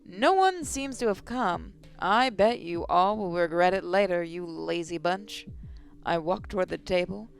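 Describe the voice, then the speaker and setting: A young woman voicing a nervous, excitable young female inventor, narrating in first person with a breathless, shaky voice. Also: lowish voice, unhurried, creaky, smooth, soft background music. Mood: brooding. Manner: breathless, voice shaking when excited.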